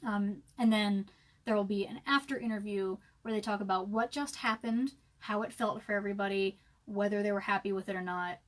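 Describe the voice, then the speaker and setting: A woman's voice: mid-range voice, steady tone, a little fast. A woman in her thirties, an author chatting casually on a live stream, rambling and self-mocking with lots of fillers.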